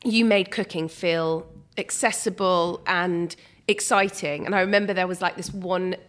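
A woman's voice: lowish voice, fairly even intonation, a little slow, a bit bright. A woman with a British accent, chatting casually and effusively as an interviewer, informal and a little sweary. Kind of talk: casual chat.

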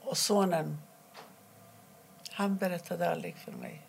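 A middle-aged woman from Iran, telling her own story in an interview, quietly and haltingly, with many pauses. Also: on the low side, huge pitch swings, vocal fry, a little hiss or hum. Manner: halting, quiet and emotional, pausing often. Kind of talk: personal testimony interview.

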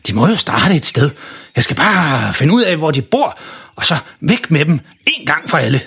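A man voicing a stubborn, bumbling father who talks eagerly and bursts out loudly. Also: on the high side, sing-song, creaky, husky, voice pushed up, heavily acted. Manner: eager, loud outbursts, determined. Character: stubborn excitable middle-aged father, bumbling.

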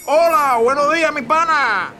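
A man's voice: very high-pitched, unhurried, pushed and bright, slight background noise, full character voice. An actor playing a chummy, cheerful male customer in a commercial.

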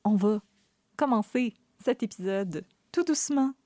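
A woman's voice: mid-range voice, lively intonation, a little slow, dark tone, dry recording, studio quality. A woman with a Québécois French accent hosting a podcast in a chatty, giggly way. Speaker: podcast co-host. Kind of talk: casual podcast chat.

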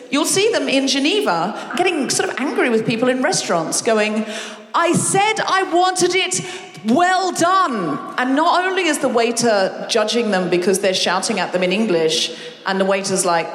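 A high-voiced Australian woman who hosts a comedy podcast works the crowd live in a large concert hall, bantering fast and teasing the audience. She uses a stage mic, and the roomy hall adds long reverb.

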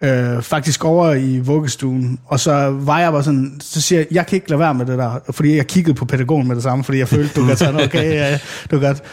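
A man chatting casually about fatherhood, animated and swearing freely, often bursting into loud acted quotes. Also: medium pitch, hardly any pauses. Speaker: father on a podcast. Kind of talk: casual chat.

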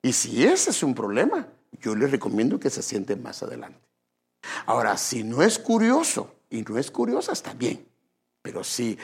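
A man's voice: medium pitch, vocal fry, slightly rough. A man preaching an evangelical sermon, emphatic and constantly addressing his listeners as brother.

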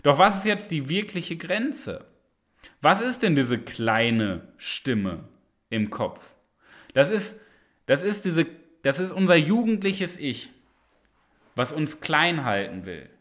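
A young man gives an emphatic motivational monologue on his podcast, talking straight to the listener. His voice sits a little high for a man. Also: big pitch swings, slow pace, a bit bright. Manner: emphatic, addresses the listener directly. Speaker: podcast host.

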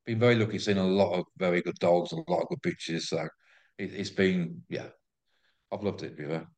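Interview guest: English man, deep voice, effusive casual chat, repeats himself for emphasis. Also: steady tone, normal speed, a little mellow. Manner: effusive, repeats words and phrases. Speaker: interview guest, greyhound track promoter.

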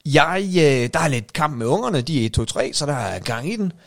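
Gravelly man with a lively storytelling voice. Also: a little high. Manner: lively, builds the story up with rising excitement. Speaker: podcast co-host. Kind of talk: casual chat, telling a comic story.

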